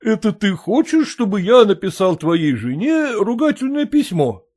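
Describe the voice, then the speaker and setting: A man doing a raised-voice reluctant gentleman. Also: high voice, big pitch swings, normal speed, voice pushed up. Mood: puzzled. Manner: refusing, exasperated. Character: educated gentleman, reluctant and firm.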